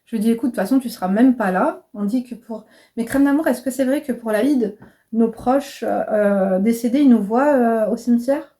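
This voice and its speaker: Speaking at a normal speed in a fairly high voice with a dark tone, a woman in her thirties addresses her viewers as "mes crèmes." She's a vlogger and coach who talks to camera in a chatty, frank, direct way, swearing freely.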